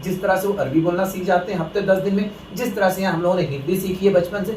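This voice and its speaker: Man from India explaining at a middle pitch, set back from the mic in a reverberant room with faint ambient noise. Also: quick pace, distant mic. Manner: explaining, addresses viewers as friends. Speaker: English teacher. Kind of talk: Hindi lesson talk.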